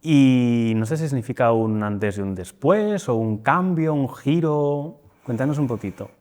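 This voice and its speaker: Man host, mid pitch, chatty and enthusiastic. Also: animated, measured pace, darkish tone. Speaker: podcast host. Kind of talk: interview host.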